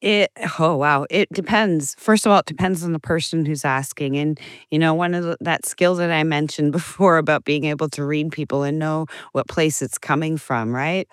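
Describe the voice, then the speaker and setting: A woman with a somewhat low voice chats on a podcast. She tells her stories with animation, laughs often and puts on quick voices for the people she quotes. The recording is dry and close. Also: fairly even intonation, smooth, dry recording. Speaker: podcast guest. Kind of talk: conversational storytelling.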